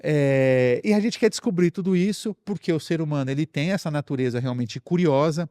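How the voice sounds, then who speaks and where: A Brazilian man with a fairly high, mellow voice appears as a guest science expert, talking briskly. He explains things casually, building ideas step by step and repeating phrases for emphasis. The sound is close-miked and dry.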